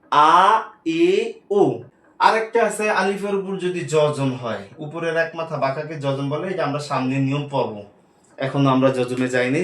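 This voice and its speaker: A man teaching a Quran reading lesson, slowly repeating each letter sound and rule. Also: mid-range voice. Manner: slow, repetitive drilling of letter sounds. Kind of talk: classroom lesson. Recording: echoey room.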